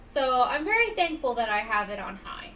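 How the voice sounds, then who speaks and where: Hosting a live game stream, a woman chats casually in a slightly high, pushed and bright voice with big pitch swings at normal speed. She's picked up on a distant mic with faint background noise.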